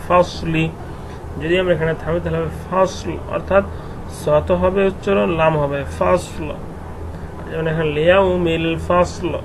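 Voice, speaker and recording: A man teaching Quran reading, slowly spelling out letters and vowel marks one syllable at a time. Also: a little high, slight background noise, poor audio. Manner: slow, syllable-by-syllable recitation drill.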